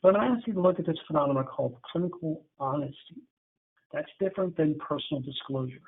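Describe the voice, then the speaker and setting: A middle-aged male therapist talks fast in a fairly high voice through a candid, conversational webinar on addiction treatment, acting out client dialogues. The tinny, phone-like audio carries a little hiss or hum.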